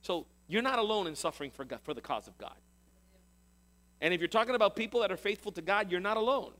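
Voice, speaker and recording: A male pastor with a high voice preaching a sermon. He talks to the congregation like a friend, then his voice swings up and down in bursts of emphasis. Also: quick pace. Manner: animated, conversational preaching with swells of emphasis.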